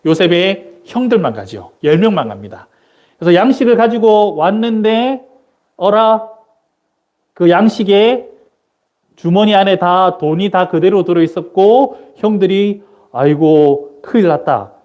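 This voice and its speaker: This Sunday sermon comes from a male missionary in a church sanctuary mid-service, his high-pitched voice ranging widely up and down. Expressive, measured and slightly mellow, he poses questions to the listeners before answering them himself on the mic.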